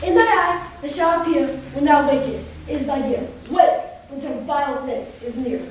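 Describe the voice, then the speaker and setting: A woman playing a stately fairy king, very high. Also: moderate pace, noisy background, close to an everyday voice. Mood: commanding. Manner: stately verse recital. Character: commanding male fairy king. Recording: echoey hall from far off.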